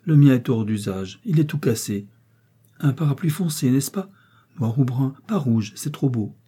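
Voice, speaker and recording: A man's voice: medium pitch, expressive, normal speed, husky, pitched above the performer's own voice. A man reading an audiobook, voicing a humble older mother who speaks timidly and modestly. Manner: timid, soft-spoken.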